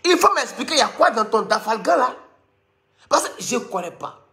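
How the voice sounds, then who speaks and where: Cameroonian man, high bright voice, lively swings, mocking comic rant. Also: fairly quick, gravelly. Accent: Cameroonian French. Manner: animated, mocking, scolding, with sudden squeaky jumps. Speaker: online commentator.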